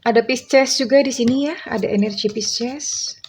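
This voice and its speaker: A woman giving a casual tarot reading to her viewers in a gentle, reassuring way, calling them dear and slipping in English phrases. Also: on the high side, moderate pace, a little hiss or hum. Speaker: tarot reader.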